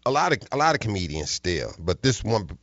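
A middle-aged man, a comedian, telling stories in a casual interview, animated and often laughing. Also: fairly low pitch, brisk, no echo, muffled recording. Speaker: comedian guest.

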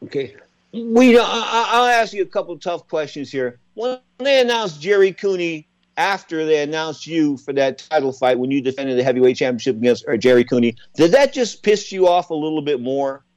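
A man in his sixties hosting a radio talk show, chatty and animated as he tells stories and asks questions. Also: a little high, normal speed, no room sound, poor audio. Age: 60s.

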